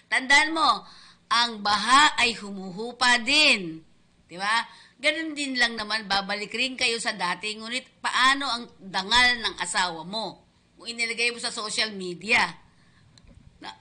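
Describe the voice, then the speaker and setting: Brief: Filipino woman radio host, very bright and ringing voice, a bit high, chatty, keeps checking in with listeners, faint music behind. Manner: chatty, asks listeners "di ba?" often, laughs. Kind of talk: casual advice talk on radio.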